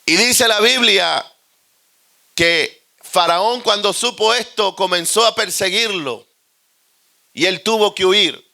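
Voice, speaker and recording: A man with a Puerto Rican accent preaching a humorous storytelling sermon, animated and joking. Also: high-pitched, slow pace, gravelly, pauses often.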